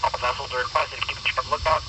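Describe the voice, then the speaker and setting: A male Coast Guard radio operator heard through VHF marine radio, reading a formal distress broadcast. He reads the coordinates slowly and in a measured way, at a mid pitch for a man. Loud noise hangs over the radio signal. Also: fairly even intonation.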